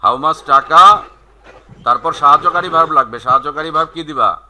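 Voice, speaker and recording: A man with a Bangladeshi accent, a native Bengali speaker, teaching an online English class over a video call. He explains slowly, mixes English into his talk, and hesitates often. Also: on the high side, bright, forceful tone, a little hiss or hum.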